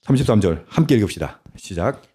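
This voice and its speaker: A man's voice: fairly low pitch, lively intonation, a little fast, noisy background. A male pastor preaching a sermon. He often puts questions to the congregation and repeats key words in short, stressed phrases. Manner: asks the congregation frequent rhetorical questions.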